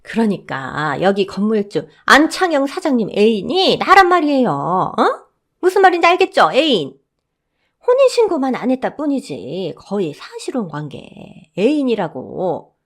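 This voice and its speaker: A woman voicing a brash, loud middle-aged woman who shouts and insists she owns the building. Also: huge pitch swings, normal speed, heavily acted. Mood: insistent. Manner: shrill, shouting, indignant.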